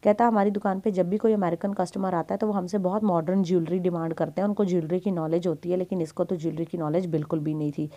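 Low mellow Indian woman teaching. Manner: explanatory, retelling a story with frequent asides. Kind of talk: chapter summary lesson.

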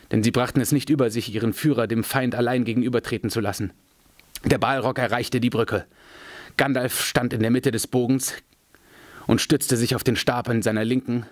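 A man reading a fantasy novel aloud in a measured, dramatic storytelling manner. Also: medium pitch, no room sound. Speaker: audiobook reader.

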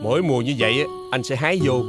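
An actor playing an affectionate husband and father with a Southern Vietnamese accent, gentle in tone. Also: mid-range voice, animated, racing, over loud music, lightly acted. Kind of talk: TV drama acting.

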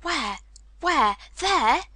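A woman's voice: sits high, animated, moderate pace, dry recording, clean studio sound, voice pushed up. A woman voicing a sickly, imperious boy who speaks in eager, breathless exclamations.

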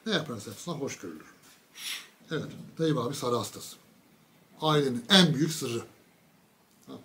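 A man's voice: mid-range voice, animated, moderate pace, fairly bright tone. A man giving a casual political commentary monologue, mocking and sarcastic, talking straight to his viewers with emphatic lists.

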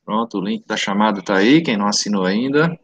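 A man's voice: lowish voice, expressive, a little fast, lo-fi sound, background noise. A middle-aged man with a Santa Catarina Brazilian accent and slushy sh sounds for s, giving an informal, conversational online lecture as a teacher, often checking in with short tags. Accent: Santa Catarina Brazilian Portuguese. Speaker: technical course teacher. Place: indoor room at home, online video call.

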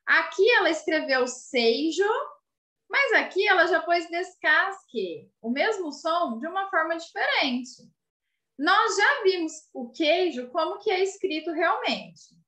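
Slow, lively high-voiced woman teacher. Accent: Brazilian Portuguese. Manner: patient, spells out and repeats words slowly, asks checking questions. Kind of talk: recorded video lesson for children. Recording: roomy echo.

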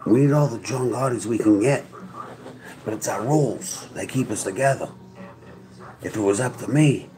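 A man's voice: lowish voice, rough recording. A man, rambling through a profane, tough-talking monologue to camera. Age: 40s. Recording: crowd noise in background.

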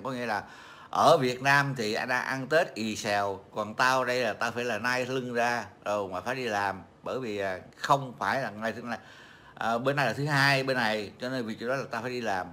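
This livestream host, a middle-aged man from Vietnam, has a mid-range voice that sounds pushed and bright. His casual chat wanders and teases, full of filler words and repetition.

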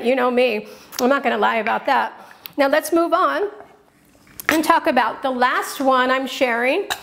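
Upbeat woman hosting a home cooking show. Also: high voice. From New Mexico. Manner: chatty, upbeat, enthusiastic. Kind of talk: cooking demonstration. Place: home kitchen.

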